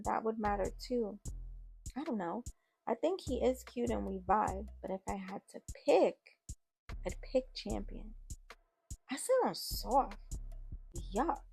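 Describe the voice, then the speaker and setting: A woman's voice: a little high, gravelly, darkish tone. A woman telling a first-person story in a casual, conversational way. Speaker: narrator.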